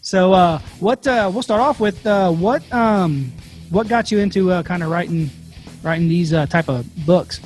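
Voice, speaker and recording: A man hosting a casual podcast, talking in halting bursts full of fillers. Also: high-pitched, darkish tone, faint music behind. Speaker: podcast host.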